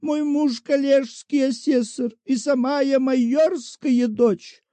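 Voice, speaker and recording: A man voicing a shrill, wheedling old woman petitioner in a high falsetto. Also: steady tone, slow, mellow, no room sound. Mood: complaining.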